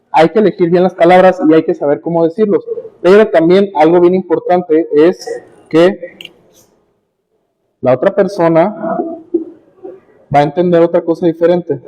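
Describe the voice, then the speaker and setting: A man's voice: high voice, a little mellow, low-quality recording. A man speaking to a workshop audience about family conflicts, conversational, with personal examples and rhetorical questions.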